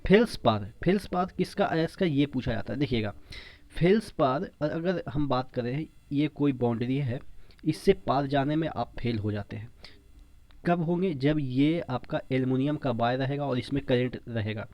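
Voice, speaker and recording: A man's voice: medium pitch, moderate pace, darkish tone, no room sound. A man teaching an exam-prep science lesson, explaining step by step and repeating points with memory tricks and frequent check-ins.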